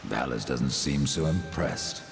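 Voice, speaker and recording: An actor playing a grim, sardonic deathly Horseman in a fantasy game, with a deep gravelly voice and dry, terse delivery. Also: expressive, a little slow, heavily acted. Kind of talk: dramatic fantasy game dialogue. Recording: long reverb, loud music behind.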